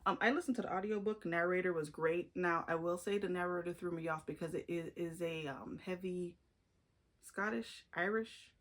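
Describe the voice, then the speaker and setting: A woman's voice: on the low side, moderate pace, fairly bright tone. A woman talking casually to camera about her favorite books, chatty and gushing, with restarts and fillers. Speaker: book reviewer. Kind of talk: casual book review vlog.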